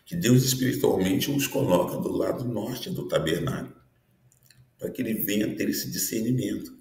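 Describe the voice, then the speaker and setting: With a lowish, darkish voice marked by vocal fry and lively intonation, a pastor in his fifties preaches at a normal speed in an echoey room. His prophetic teaching is earnest, full of tag questions aimed at the listeners.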